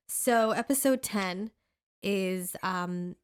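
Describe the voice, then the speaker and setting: A woman co-hosts a podcast in casual chat, sounding congested and rambling, full of fillers and restarts. Her medium-pitched voice has a clean tone and moves very slowly.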